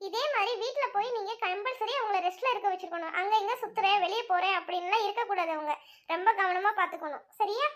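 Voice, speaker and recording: Woman doing a high calm cartoon doctor. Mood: reassuring. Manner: measured, explaining. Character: calm reassuring female hospital doctor.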